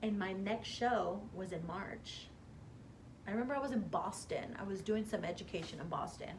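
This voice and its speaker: An animated woman recounts her career in a relaxed interview, slipping into quoted voices and gasping for effect. Her voice sits at a middling pitch for a woman, with a faint hiss of background noise behind her. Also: normal speed. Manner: animated, acts out quoted dialogue with gasps. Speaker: hair stylist guest. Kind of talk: casual interview storytelling.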